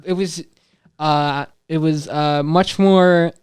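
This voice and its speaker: A man's voice: on the high side, steady tone, takes it slowly, a little mellow, clean tone, no echo, clean studio sound. A nineteen-year-old man from Wisconsin, a podcast guest who thinks aloud in a casual, rambling way with trailing asides.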